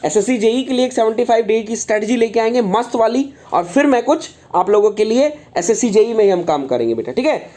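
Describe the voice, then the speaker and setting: This engineering exam tutor runs a live online class in a high-pitched, darkish, expressive voice, talking a little fast and barely pausing. He addresses students as "beta" in a fatherly way, says things more than once, and reads out and responds to chat comments.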